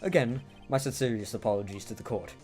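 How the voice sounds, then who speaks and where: In a fan reading of a game script, a man in his twenties plays a cold, ruthless young male prosecutor, speaking in a low, cool, measured way that sounds smug. His natural voice is a little mellow, with faint music in the background.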